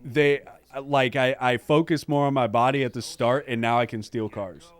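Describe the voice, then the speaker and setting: A man's voice: medium pitch, steady tone, normal speed, clean tone, dry recording. A man co-hosting a gaming podcast, telling stories in a wry, dry way. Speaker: podcast co-host. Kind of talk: casual chat.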